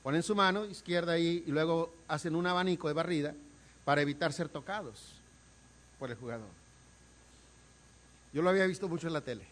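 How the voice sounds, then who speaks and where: A man preaches, his voice pitched notably high. He delivers a dramatic sermon, swinging from loud pleading to hushed, near-whispered lines. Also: a little fast, pauses often. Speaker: pastor. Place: church sanctuary.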